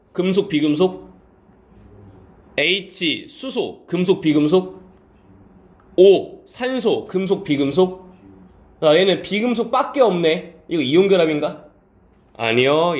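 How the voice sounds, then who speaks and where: This high-voiced man teaches science in a classroom lecture. He picks out students by name, tosses out quick questions he answers on his own, and mixes polite language with casual remarks.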